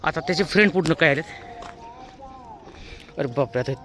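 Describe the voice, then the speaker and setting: A man's voice: a little high, normal speed, pushed and bright. A man chatting casually to the camera as he walks his dog outdoors, calling out to the dogs around him. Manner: chatty, calls out to dogs to shoo them. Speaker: vlogger. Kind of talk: casual vlog commentary on a walk. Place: outdoors on a road. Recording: faint outdoor noise.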